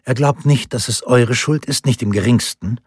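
A man's voice: medium pitch, moderate pace, slightly rough, no echo, studio quality, voice pushed up, natural voice. Man voicing a shrewd, probing noblewoman. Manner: probing, pointed questions. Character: shrewd questioning noblewoman, wife of a lord.

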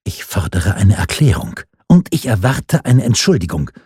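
A man's voice: on the low side, sing-song, moderate pace, warm tone, husky, no echo, studio quality, full character voice. A man voicing a proud young noblewoman, stiff and offended, in an audiobook reading. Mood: indignant.

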